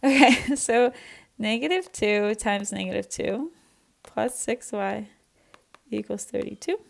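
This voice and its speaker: A woman's voice: medium pitch, slow, creaky. A young woman teaching an online math lesson, chatty and self-deprecating as she thinks aloud.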